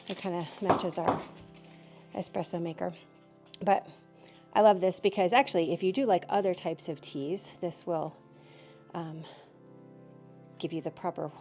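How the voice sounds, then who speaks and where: A woman's voice: on the low side, dark tone. A middle-aged woman from the United States chatting casually through a home vlog, meandering from one thing to the next as she shows her house. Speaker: author vlogging her day.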